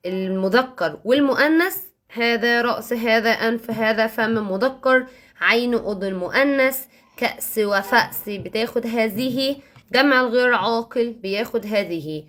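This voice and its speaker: Lively Egyptian woman teacher. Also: fairly high pitch. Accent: Egyptian Arabic. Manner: lively, emphatic, repeats key words, slows on examples. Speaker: Arabic teacher for young children. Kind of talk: explanatory talk to parents.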